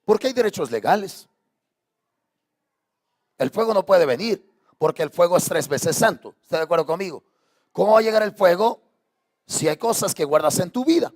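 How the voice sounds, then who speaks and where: A man's voice: high-pitched, animated, moderate pace, long pauses, a little mellow. A man preaching a sermon as pastor, impassioned, throwing out repeated rhetorical questions to his congregation. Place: church sanctuary.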